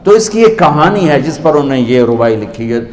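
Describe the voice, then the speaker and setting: A man's voice: medium pitch, sing-song, a little mellow. A man preaching a sermon to a live audience, speaking with passion and repeating phrases in a rhythm. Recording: echoey large hall.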